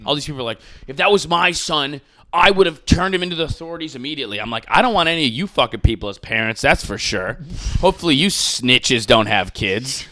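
A man's voice: mid-range voice, lively intonation, fast, pushed and bright. A young man hosting a podcast, ranting casually with profanity and mocking imitations of people he disagrees with. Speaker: podcast host.

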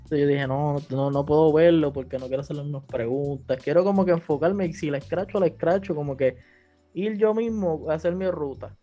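A man's voice: on the high side, brisk, mellow, dull audio, faint music behind. A man with a Puerto Rican accent, chatting casually as a podcast guest, full of slang and dropping English words in as he tells his story. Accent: Puerto Rican Spanish. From Puerto Rico. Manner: slangy, mixes English words in, acts out quotes. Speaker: podcast guest, platform founder. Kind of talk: casual interview chat.

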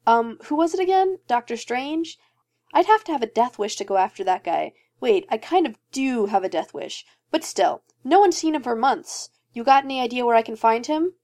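A woman reads fan fiction aloud, voicing a wisecracking male mercenary who rambles from joke to joke in a manic, joking mood. Her voice is on the high side, animated and mellow, pushed up, and she tells the fast rambling jokes while breaking into laughter.

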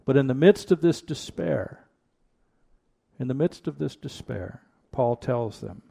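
A pastor preaching an earnest sermon into a pulpit microphone in a church, repeating rhetorical questions for emphasis. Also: male voice, medium pitch, expressive, measured pace, vocal fry, mellow, husky. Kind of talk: sermon with prayer and scripture reading.

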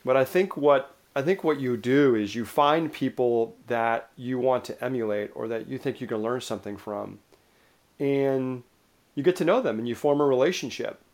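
A middle-aged man being interviewed who talks loosely, with frequent restarts and lively anecdotes. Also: mid-range voice, moderate pace. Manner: rambling, restarts often, lively storytelling. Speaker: interview guest. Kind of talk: casual conversational interview.

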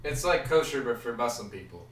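A man chatting casually on a podcast, slangy and quick to laugh. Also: medium pitch, animated, roomy sound, slight background noise. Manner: slangy, laughing, uses "bro" and "dude". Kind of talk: casual joking chat.

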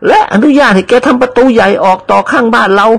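Bossy old noblewoman, put on by a man; high, stern, commanding. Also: fast, vocal fry, a bit bright, slightly rough, exaggerated voice. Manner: scolding, commanding. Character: bossy older noblewoman, stern but caring.

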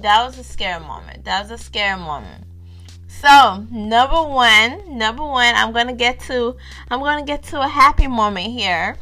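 A woman's voice: mid-range voice, bright, forceful tone. A woman in her thirties, a mother hosting a parenting vlog, telling family stories to viewers in a casual way and repeating her phrases.

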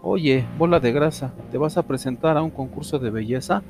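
A man's voice: on the high side, normal speed, darkish tone, voice pushed up, lightly acted. Storybook alley cats, male, sneering and taunting, read by a man. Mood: mocking. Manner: mocking, taunting. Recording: music under the reading.

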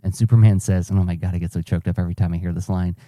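Solo podcaster, male, deep mellow tone, searching and self-questioning, lots of ums and restarts, dry sound. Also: steady tone, racing, dry recording. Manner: musing, self-questioning, frequent fillers and restarts. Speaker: podcaster and cartoonist. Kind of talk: reflective solo journal podcast.

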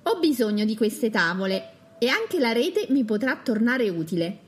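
A woman's voice: fairly high pitch, sing-song. Woman voicing a clever playful young woman. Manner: playful, quick-witted. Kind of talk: audiobook character voice.

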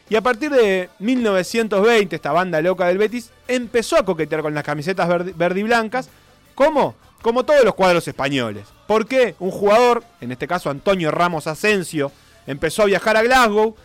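A man's voice: high-pitched, no room sound. A man telling football history as a casual co-host, reading quotes aloud with flair. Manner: animated, reads quotes aloud with dramatic flair. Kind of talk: casual radio-style storytelling.

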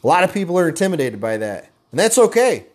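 A man's voice: a little high, very animated, quick pace. Blunt, angry man ranting. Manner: blunt, profane, repeatedly addressing listeners as guys; angry, intense delivery. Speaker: motivational speaker. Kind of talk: motivational rant to camera.

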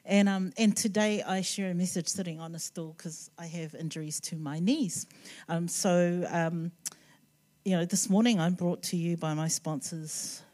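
Lower-voiced New Zealand Māori-accented woman preaching informally. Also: steady tone, moderate pace, darkish tone. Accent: New Zealand, Māori-influenced. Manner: hesitant, conversational, self-deprecating asides. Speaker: guest preacher. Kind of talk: informal sermon to a congregation.

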